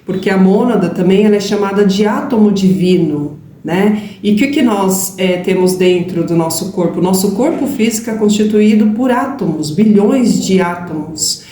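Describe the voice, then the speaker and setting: A woman co-hosting a spiritual talk, explaining calmly and affirming her partner's points. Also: mid-range voice, moderate pace, hardly any pauses. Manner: calm, affirming explanations with "gente" and "né?". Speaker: spiritual channel co-host. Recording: roomy with faint background hiss.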